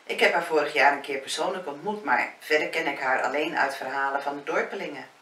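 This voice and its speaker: A woman's voice: low-pitched, fast, fairly bright tone. A woman reading the lines of a curious, candid young therapist in a spoken novel. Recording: roomy, distant, faint hiss.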